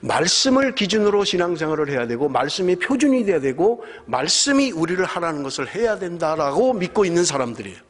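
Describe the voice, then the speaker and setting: A man's voice: sits high, quick pace, few pauses. A middle-aged man from South Korea preaching a sermon as a pastor, telling personal stories and building to emphatic exhortation. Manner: animated storytelling, rising to emphatic exhortation. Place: church sanctuary. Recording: long church hall reverb.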